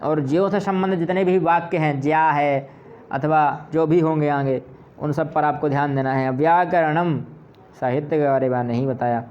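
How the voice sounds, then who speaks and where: Man slowly spelling out Sanskrit sounds. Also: fairly high pitch, fairly even intonation, darkish tone, muffled recording. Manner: patient, repeats words slowly to correct them; asks and answers his own questions. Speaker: Sanskrit teacher. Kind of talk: pronunciation lesson.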